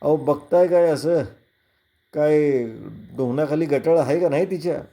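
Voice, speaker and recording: A man doing a gruff, cursing police inspector. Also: fairly high pitch, measured pace, natural voice. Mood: sly, mocking. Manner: barks orders and curses loudly. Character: gruff village police sub-inspector, quick-tempered, abusive.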